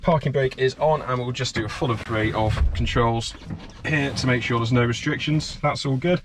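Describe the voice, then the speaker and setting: Speaking at normal speed in a mid-range voice, a man who presents as a pilot goes methodically through cockpit checks, item by item, in a small turboprop aircraft. The audio is muffled, and the aircraft's noise comes through clearly.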